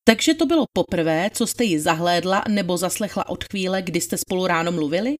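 Woman doing a formal male lawyer grilling a witness, slow careful questions, a bit lower voice. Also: lightly acted. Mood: probing. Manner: measured, probing, formal. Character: stern male courtroom attorney, methodical questioner. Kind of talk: dramatized trial testimony reading.

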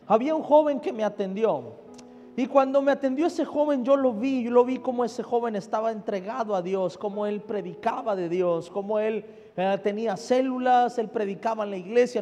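A man, preaching a sermon as a pastor, impassioned and rising louder at his peaks. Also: very high voice. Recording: reverberant hall with music behind.

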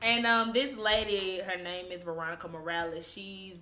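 A woman's voice: medium pitch, steady tone, normal speed, sharp tone. A woman co-hosting a casual chat show, reading out news items in a chatty way. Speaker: podcast co-host.

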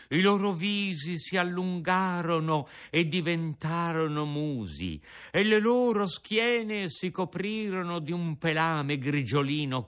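A man narrating a classic children's tale aloud, in an expressive, theatrical way. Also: a little high. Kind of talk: storybook reading.

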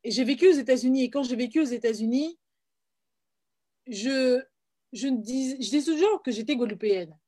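A woman's voice: high-pitched, fairly quick, pauses often, mellow. A middle-aged woman from Paris with a French accent, speaking earnestly and reflectively as an interview guest, with frequent hesitations and repeated words. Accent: French from France. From France, Paris. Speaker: guest, filmmaker and playwright. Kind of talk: personal testimony in an interview.

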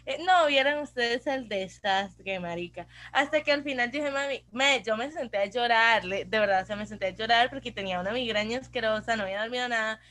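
A woman's voice: a little high, a little fast, hardly any pauses, a bit bright. A young woman with a Costa Rican accent, co-hosting a podcast and telling stories in casual chat, dropping English phrases and slang. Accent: Costa Rican Spanish. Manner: chatty storyteller mixing in English phrases and slang. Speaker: podcast co-host.

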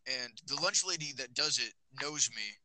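A man's voice: mid-range voice, expressive, normal speed, sharp tone, no echo, rough recording. A teenage boy hosting a casual podcast with friends, rambling with lots of fillers, recorded on a phone. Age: teens. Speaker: podcast host. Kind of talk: casual chat.

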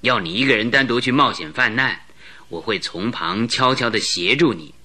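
Mycroft, the earnest elder brother. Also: male voice, medium pitch, moderate pace, pushed and bright. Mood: reassuring. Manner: earnest, pleading, apologetic. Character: Mycroft, Holmes's elder brother, intelligence chief. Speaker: radio drama actor. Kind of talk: 1960s radio drama acting. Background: music bed.

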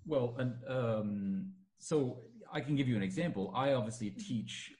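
A man who teaches languages, a native English speaker, talks casually in a mid-range, slightly mellow voice at an unhurried pace. His speech is hesitant, with frequent fillers and restarts, in the manner of an ordinary conversation.

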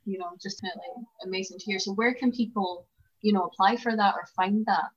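A woman's voice: medium pitch, fairly quick, breathy edge. A woman with a Scottish accent hosting a podcast interview, chatty and encouraging, with lots of fillers. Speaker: podcast host. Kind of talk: casual interview chat. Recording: slightly dull lo-fi sound.

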